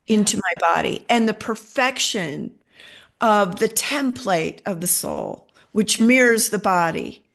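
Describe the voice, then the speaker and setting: Middle-aged woman telling a lively personal story. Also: mid-range voice, slow pace, vocal fry. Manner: animated storyteller, acts out quoted dialogue. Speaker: interview guest. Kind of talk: storytelling in a conversational interview.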